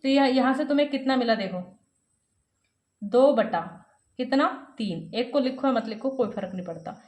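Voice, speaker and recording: A woman's voice: a little high, moderate pace, darkish tone, reverberant. A woman teaching a step-by-step math lesson, asking her students questions and answering them herself.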